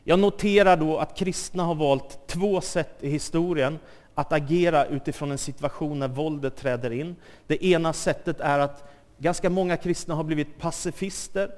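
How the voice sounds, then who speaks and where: A man's voice: a little high, fairly even intonation, darkish tone. A man preaching a sermon who keeps checking whether his listeners are with him. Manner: asks the audience "are you with me?" again and again. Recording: long hall reverb.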